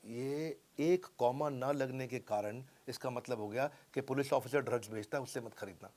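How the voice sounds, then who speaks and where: A middle-aged man with an Indian accent, teaching in an energetic, emphatic way and often checking in with his listeners. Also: medium pitch, moderate pace. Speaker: business coach and YouTube host. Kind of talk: motivational teaching talk.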